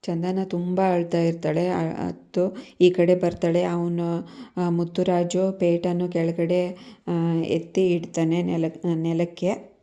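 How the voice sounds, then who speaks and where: A woman casually retelling the plot of a TV serial episode in a steady way. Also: on the low side, slow. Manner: monotone, steady retelling with fillers. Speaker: serial recap narrator.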